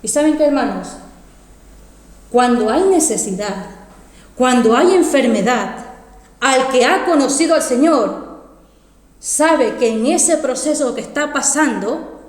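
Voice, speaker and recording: High-voiced woman preaching in a hall. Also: lively intonation, slow, pauses often. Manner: emotional, repeats phrases and addresses the congregation. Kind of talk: sermon with personal testimony. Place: church hall. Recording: echoey church hall. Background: congregation calling out amens.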